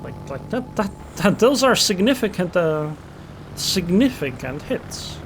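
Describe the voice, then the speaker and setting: A high-pitched, sing-song male voice moves at a measured pace over music, casually narrating a naval battle game live and thinking aloud about next moves. The gameplay commentator is a native Estonian speaker who mutters plans and small reactions, with game engine and gunfire noise underneath.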